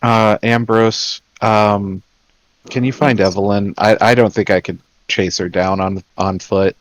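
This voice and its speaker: Deep-voiced male tabletop player. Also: fairly even intonation, a little slow, no room sound, poor audio. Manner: casual, hesitant. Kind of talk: tabletop role-play.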